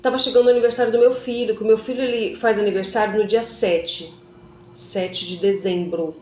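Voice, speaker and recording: A woman's voice: mid-range voice, fairly even intonation, a little fast, darkish tone. A woman telling a personal faith testimony, chatty and often turning to her viewers with little tag questions. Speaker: vlogger giving a faith testimony. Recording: echoey room.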